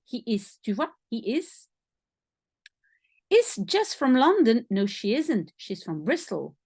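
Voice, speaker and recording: Woman teacher, slow and patient, lively sing-song delivery, tutoring one student. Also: on the high side. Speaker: language teacher. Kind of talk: explaining English grammar in French.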